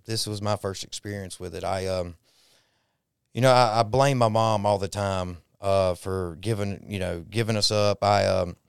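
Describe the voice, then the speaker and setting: A man in his thirties shares his testimony in a lowish, smooth and resonant voice. He talks haltingly, pausing often and reaching for words. The sound is close and dry, with no room around it. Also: dry recording. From Texas, raised in Mississippi. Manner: halting and reflective, many pauses and fillers. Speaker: guest. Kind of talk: personal testimony interview.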